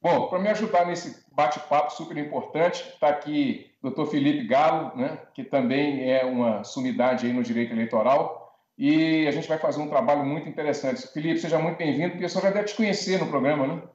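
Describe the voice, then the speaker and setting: Brazilian guy hosting a live online show, bit high voice, echoey room, muffled call audio. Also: fairly quick, darkish tone. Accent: Brazilian Portuguese. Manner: welcoming, chatty, frequent tag questions. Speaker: host. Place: home room with bookshelves. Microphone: video call. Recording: roomy, dull video-call audio.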